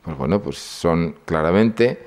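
A man's voice: sits low, lively intonation, slow, darkish tone. An older man giving a lecture, telling stories and acting out the dialogue in them. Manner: storytelling, acts out dialogue. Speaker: speaker on psychology and symbolism.

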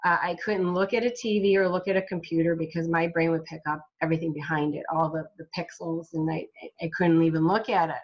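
Woman guest, author, slow halting testimony, low voice, muffled recording. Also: steady tone. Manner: halting, with many restarts and fillers. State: recovering from a brain injury. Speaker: guest, self-published author. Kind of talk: personal testimony in an interview.

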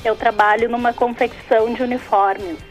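A woman's voice: a little high, fairly even intonation, moderate pace, faint music behind. A woman with a Rio Grande do Sul accent calling in to a radio show, giving brief, polite answers. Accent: Rio Grande do Sul Brazilian Portuguese. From Rio Grande do Sul, Brazil. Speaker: caller.

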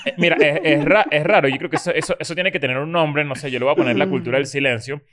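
A man co-hosting a casual chat, musing aloud with quick restarts. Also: on the high side, steady tone, fairly bright tone. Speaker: podcast co-host.

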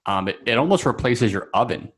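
A man's voice: mid-range voice, expressive, fairly quick, a bit bright. A man guest on a podcast, talking casually and rambling with many fillers and restarts. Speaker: coaching client guest.

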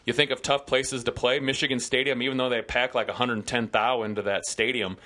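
A man's voice: mid-range voice, little pitch movement, brisk, sharp tone. A man with a Midwestern American accent, co-hosting a sports podcast and confidently giving his football picks in casual banter. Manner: confident, chatty betting analysis. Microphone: studio podcast microphone.

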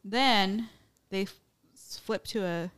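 A woman's clear, resonant, slightly bright voice at medium pitch moves slowly as she hosts a podcast. She chats about a true crime case in a relaxed way, laughing easily and using many "like"s and "um"s.

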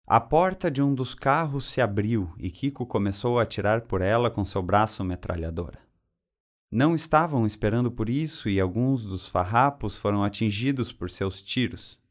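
A man reading a story aloud in a steady, even way. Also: lowish voice, normal speed. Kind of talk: reading fan fiction aloud.

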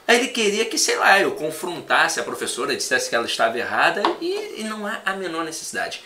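A man who teaches for exam prep, chatting in a relaxed conversation and telling animated stories. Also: a little high, quick pace, background noise. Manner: animated storyteller, acts out quoted students. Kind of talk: casual podcast conversation.

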